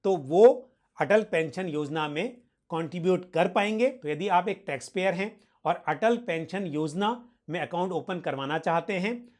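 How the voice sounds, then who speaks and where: A man's voice: high-pitched, expressive, moderate pace, a little mellow. A man hosting a financial question-and-answer session, explaining formally and politely, with English financial terms mixed in. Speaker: host answering viewer questions.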